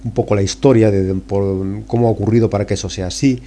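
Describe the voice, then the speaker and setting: A man's voice: lowish voice, fairly even intonation, fast, mellow, a little hiss or hum. A man with a Spain Spanish accent hosting a podcast, talking casually and informally, coaxing listeners and repeating words for emphasis. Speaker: podcast host. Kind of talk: casual solo podcast talk.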